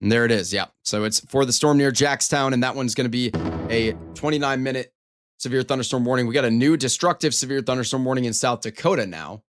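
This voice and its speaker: A man's voice: mid-range voice, fast. A man hosting a live storm coverage stream, giving running weather commentary in an emphatic, repetitive way. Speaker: storm coverage livestream host.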